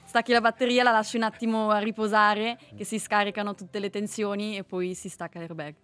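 A woman's voice: mid-range voice, flat delivery, a little fast, fairly bright tone. Woman explaining her trade. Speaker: car mechanic guest. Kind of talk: casual explanatory interview talk. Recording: music playing behind the voice.

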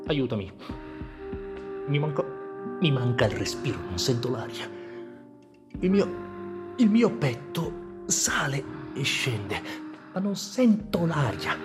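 A man playing a maimed young soldier, deaf and blind and trapped in his body, in a dramatic monologue, swinging between anguished cries, whispers and numb calm. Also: mid-range voice, slow pace, long pauses, loud music behind the voice. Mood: desperate. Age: young adult.

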